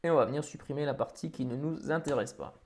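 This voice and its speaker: A man hosting a software tutorial, talking casually over a screen recording with many fillers and restarts. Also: fairly high pitch, quick pace. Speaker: tutorial host.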